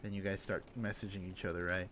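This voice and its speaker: A man's voice: low voice, flat delivery, quick pace, fairly bright tone, a little hiss or hum. A young man with an ordinary mid-range voice talks casually as a podcast co-host. He laughs a lot, swears freely and mimics others when telling a story. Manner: laughs often, profane, mimics people in quotes. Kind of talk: casual chat.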